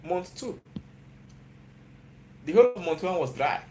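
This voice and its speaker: A YouTuber and software developer with a Nigerian accent gives a motivational live-stream pep talk, urging viewers on and repeatedly checking in with "you get?". His high-pitched voice is lively in intonation and unhurried.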